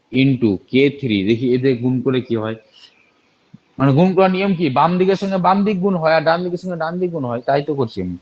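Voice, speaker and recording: A man's voice: medium pitch, darkish tone. A man teaching a math lesson for exam prep. He repeats each step, quizzes students with rhetorical questions and keeps warning them about careless slips. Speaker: math tutor. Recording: dull lo-fi recording.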